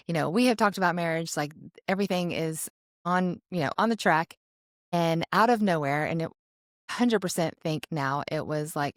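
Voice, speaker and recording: Chatty young woman, low voice, dry sound. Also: no room sound. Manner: chatty, frequent "like" and self-corrections; animated when quoting herself. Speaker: podcast co-host. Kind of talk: casual personal storytelling.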